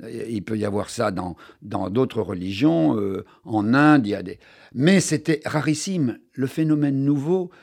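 An older man, an author and journalist, is the guest in a conversational interview. His voice is gravelly, medium-pitched and a little slow, and he tells his story animatedly, stressing key words and often restarting sentences mid-thought.

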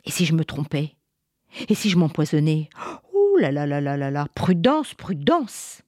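A woman's voice: low voice, very animated, a little slow, dark tone, no room sound, clean studio sound, heavily acted. A woman voicing a vain, ugly female witch who frets and mutters to herself over a beauty potion in a storybook reading. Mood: gleeful, fretful. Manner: fussy, gleeful, muttering to herself.

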